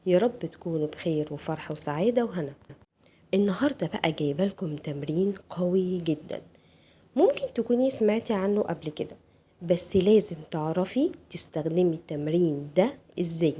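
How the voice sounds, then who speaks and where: Egyptian woman host, husky mellow tone, soft intimate self-help delivery, addresses viewer directly. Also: lowish voice, lively intonation, a little fast. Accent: Egyptian Arabic. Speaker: channel host. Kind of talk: motivational self-help talk.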